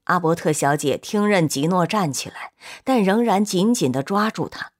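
A woman narrating an audiobook in a measured, steady reading voice. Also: fairly low pitch.

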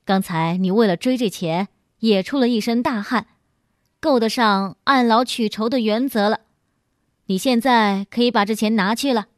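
A woman voicing a crafty country man newly arrived in the city, in a lowered, plainspoken voice. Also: moderate pace, dry recording, studio quality, lightly acted. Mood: smug.

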